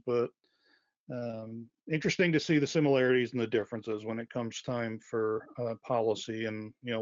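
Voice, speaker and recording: A man whose voice is going hoarse talks through a webinar in an easygoing, halting way, full of ums and restarts. His voice comes over a dull, lo-fi web call with a dry, close sound and no room around it. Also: mid-range voice, no echo. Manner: informal, halting, many fillers and self-corrections. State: losing his voice. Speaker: webinar guest speaker, university wireless lead. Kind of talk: conversational webinar presentation.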